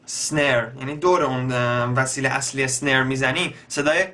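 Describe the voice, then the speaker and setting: A young man with an Iranian Persian accent gives a casual beatbox lesson, explaining each step slowly with many pauses and fillers. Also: mid-range voice, fairly even intonation, bright, forceful tone, a little hiss or hum. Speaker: beatbox teacher. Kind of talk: casual spoken tutorial.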